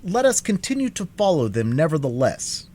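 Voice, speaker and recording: A man's voice: a little high, sing-song, normal speed, a little mellow, pitched above the performer's own voice. A man voicing a bold, eager living scarecrow in an emphatic, determined way for a storybook.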